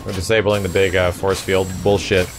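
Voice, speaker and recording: A man hosting a gaming channel, bantering and swearing excitedly while playing co-op and thanking viewers. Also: low voice, moderate pace, noisy background. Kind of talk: co-op gameplay commentary. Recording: voice over loud game music. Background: game music.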